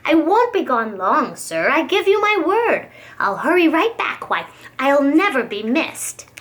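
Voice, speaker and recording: A woman's voice: sits high, big pitch swings, measured pace, fairly bright tone, full character voice. A woman voicing a lazy, self-centred female bird from a children's storybook, coaxing and complaining. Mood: pleading, breezy.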